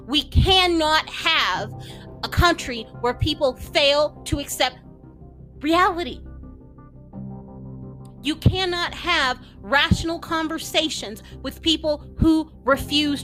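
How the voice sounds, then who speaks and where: Woman podcast host, high voice, ranting all worked up, bit of music behind. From United States. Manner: fired up, then dropping into quiet apologetic asides. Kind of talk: impassioned political monologue.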